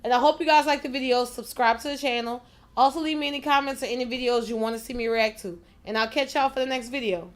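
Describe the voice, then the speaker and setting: A woman hosting a reaction video, talking straight to her viewers with loud, profane, laughing disbelief. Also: on the high side, fast. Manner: addresses viewers directly. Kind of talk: casual reaction commentary.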